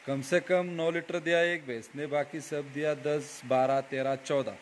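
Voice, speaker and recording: A dairy farmer from Pune district giving short, matter-of-fact answers in a buffalo shed. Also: male voice, on the high side, steady tone, a little slow, slight background noise. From Pune district, Maharashtra. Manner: brief, matter-of-fact replies.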